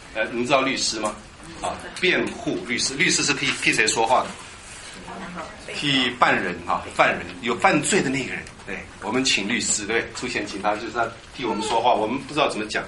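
A man preaching a lively Bible teaching sermon, quizzing his congregation and drilling them on Greek words. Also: medium pitch. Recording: echoey hall with background noise.

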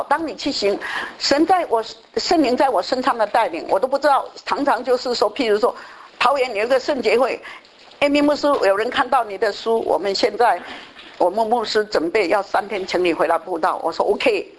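A woman preacher giving a lively testimony sermon, telling stories and dropping in English phrases. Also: fairly high pitch, poor audio. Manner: animated storytelling with bursts of English.

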